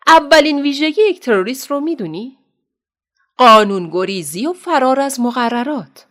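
Woman voicing a firm, lively woman lecturer. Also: high voice, voice pushed up. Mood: stern. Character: calm, firm woman doctor and speaker.

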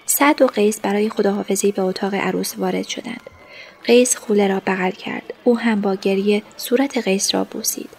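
Softly narrating woman storyteller. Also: mid-range voice, fairly even intonation, creaky. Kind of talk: first-person audiobook narration.

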